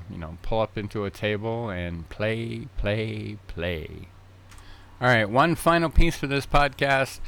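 Rambling casually with plenty of fillers and restarts, a male podcast host sounds slightly tongue-tied early in the morning. His fairly low voice comes across as smooth and a bit bright.

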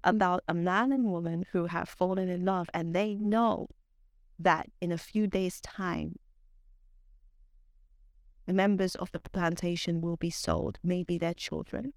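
A woman with a transatlantic accent mixing British and Barbadian talks about her writing as an interview guest, halting and correcting herself with emphasis. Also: lowish voice, fairly even intonation, dry recording, clean studio sound. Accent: transatlantic mix of British and Barbadian. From born in Britain, raised in Barbados. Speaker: guest poet and author.

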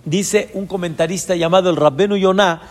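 A man preaches a scripture lesson in a fairly high voice. He teaches in an earnest tone and drops Hebrew terms into his explanations. His voice carries a long, ringing reverb. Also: steady tone, a little fast. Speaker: rabbi.

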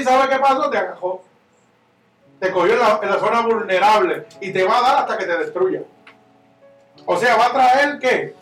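A man preaching a sermon as pastor, impassioned and swinging from loud to hushed. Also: very high voice, distant mic. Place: church. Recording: echoey church room, miked from afar, soft guitar behind.

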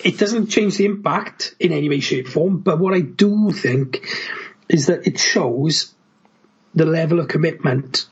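A man's voice: on the high side, expressive, unhurried, husky, dull audio. A man talking about films as a podcast guest, enthusiastic, swearing casually and tacking on tag questions. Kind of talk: casual film chat.

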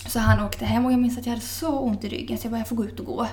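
A young woman, a podcast guest, telling a personal story in a lively way and acting out the dialogue she remembers. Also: a little high. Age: young adult. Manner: lively storyteller who acts out quoted dialogue. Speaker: interview guest. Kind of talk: casual podcast interview.

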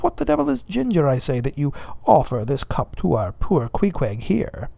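A man reading aloud and voicing a blustering, indignant ship's mate who fires off loud, sputtering questions. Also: medium pitch, expressive, normal speed, no room sound, close to an everyday voice. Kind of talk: audiobook character voice.

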